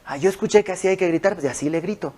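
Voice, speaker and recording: A man voicing a loud, shallow foreign woman who cries out in a singsong way. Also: sits high, racing. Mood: matter-of-fact.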